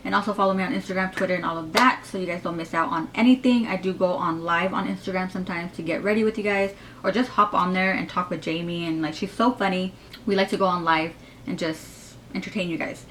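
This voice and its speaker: A woman in her twenties talks through a casual question-and-answer vlog, rambling and full of fillers, with a slight lisp from her braces. Her voice sits on the lower side, and a faint hiss runs underneath. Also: fairly even intonation, quick pace, fairly bright tone, rough recording. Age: 20s. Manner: chatty, rambling, lots of fillers. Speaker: YouTuber.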